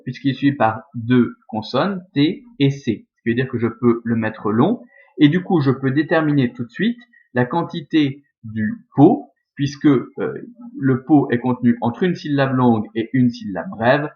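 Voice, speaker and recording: A man's voice: mid-range voice, highs cut off. A man teaching a lesson, methodically walking through the scansion of a verse step by step. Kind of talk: scanning Latin verse in a recorded lesson.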